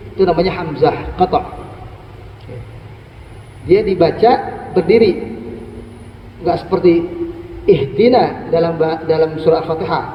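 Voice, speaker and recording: A middle-aged man, a religious teacher giving a morning study lecture, patiently explaining the rules of recitation and slowly chanting verses to demonstrate. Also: sits high, a little hiss or hum. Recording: echoey hall, distant lo-fi mic.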